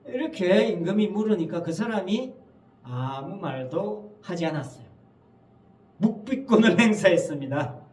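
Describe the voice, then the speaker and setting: A man's voice: high voice, expressive, a little slow, darkish tone. Male pastor, Sunday sermon, emphatic rhetorical questions, echoey church sanctuary, distant mic.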